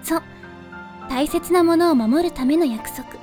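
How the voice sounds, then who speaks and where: A woman voicing a soft, calm and gently teasing young woman who guards a moonlit forest, in a voice drama. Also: high-pitched, measured pace, over music. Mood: gentle. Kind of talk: voice drama acting.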